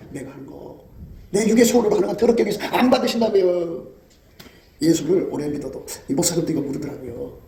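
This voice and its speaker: A man delivers a rapid-fire sermon in a high, mellow yet gravelly voice. He presses his listeners with rhetorical questions and laughs often between points. The sound carries the echo of a reverberant room. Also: a little hiss or hum. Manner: emphatic, prodding listeners with rhetorical "eh?"; laughs often while preaching. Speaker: preacher.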